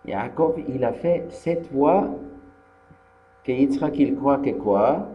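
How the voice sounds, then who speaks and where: A rabbi from Tunisia gives a Torah lesson, telling the story in a lively way, acting out the dialogue and repeating the key phrases. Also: male voice, mid-range voice, slow pace, reverberant. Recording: dull lo-fi archive recording with faint hum.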